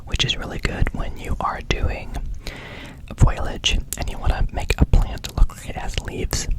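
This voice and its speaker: A man who creates and hosts ASMR videos whispers the whole way through a rambling clip, slowly repeating words and phrases. He speaks into a close microphone that he brushes as he talks, and the recording is rough.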